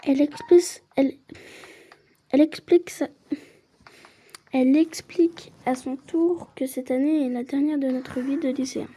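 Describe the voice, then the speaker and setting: A woman's voice: high voice, steady tone, moderate pace, long pauses, dark tone. A woman playing a story game, reading the narration aloud and adding chatty asides of her own. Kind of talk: casual playthrough with read-aloud narration.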